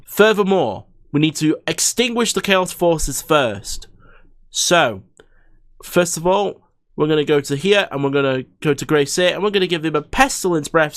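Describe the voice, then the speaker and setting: A man's voice: a little high, a bit bright, dry recording. Chatty young man with a dry close mic. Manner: chatty, rambling, frequent fillers and restarts. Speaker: gaming YouTuber. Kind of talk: casual let's-play commentary. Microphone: desk microphone in front of him.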